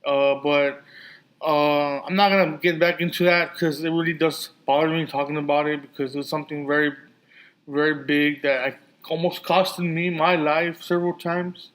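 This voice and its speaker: A man's voice: a little high, steady tone, moderate pace, fairly bright tone, rough recording. A man with a somewhat raised voice and a lisp, hosting a casual solo podcast. His words slur a little as he rambles, circling back on himself with frequent restarts and fillers. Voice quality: lisp and slurred speech. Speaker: podcast host.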